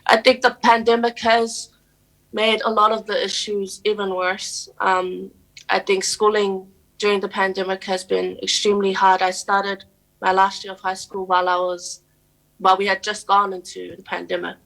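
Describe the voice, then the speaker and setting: Earnest young New woman, flat delivery. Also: medium pitch, vocal fry, low-quality recording. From New Zealand. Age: young adult. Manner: earnest and steady, with frequent "um" pauses. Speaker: guest, poet and youth advocate. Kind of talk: radio interview answers.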